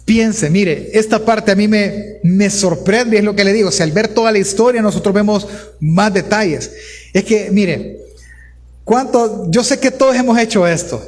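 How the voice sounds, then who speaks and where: High-voiced Salvadoran pastor preaching. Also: male voice, moderate pace. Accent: Salvadoran Spanish. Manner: animated preaching, directly addresses the congregation as brothers. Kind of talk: sermon. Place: church service before a congregation.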